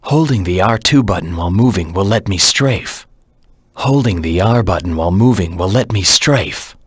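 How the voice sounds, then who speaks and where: A man voicing a brooding, serious hedgehog antihero in a video game, with a low husky rasp and a measured, deadpan delivery. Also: no room sound, clean studio sound. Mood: cool, matter-of-fact. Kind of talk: scripted game tutorial voice acting.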